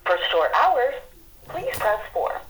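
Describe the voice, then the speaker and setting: A woman's recorded phone menu message, reading out polite, even prompts about which keys to press. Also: fairly high pitch, slow. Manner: polite, even instructional delivery. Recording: noisy phone line from far off.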